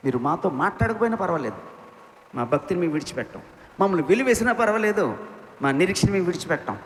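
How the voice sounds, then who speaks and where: A man preaches with fervor, his high voice leaping up and down as he piles on rhetorical questions. He drops to quiet, low lines, then surges back loud. The sound rings with echo in a large hall. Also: lively intonation, fast talker, a little hiss or hum. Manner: impassioned, rhetorical questions, swings between loud and soft. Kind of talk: sermon. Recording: echoey hall with faint ambience.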